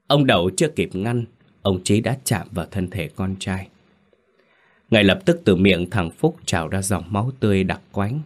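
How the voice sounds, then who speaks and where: A man's voice: deep voice, expressive, moderate pace, a little mellow. A man narrating a village horror story in a grave, tense way.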